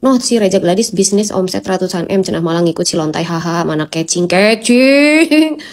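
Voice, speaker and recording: A woman with a Sundanese accent, ranting in a casual vlog, animated and peppered with Sundanese slang and curses. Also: on the low side, fast talker. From West Java, Indonesia. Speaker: social media personality.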